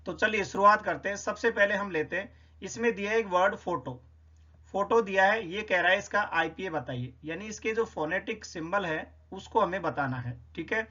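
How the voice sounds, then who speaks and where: A man explains a phonetics quiz, working through each answer step by step. His voice sits fairly high, and he says each sound over slowly. The recording is slightly dull and lo-fi. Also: pushed and bright. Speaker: English teacher.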